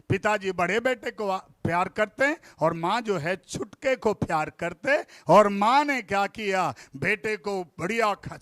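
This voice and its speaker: A pastor from India delivers a fervent sermon in a very high, unhurried voice. He has the congregation repeat lines back to him and keeps dropping "Praise the Lord" between points. The sound is close and dry. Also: fairly bright tone, no echo. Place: church before a congregation.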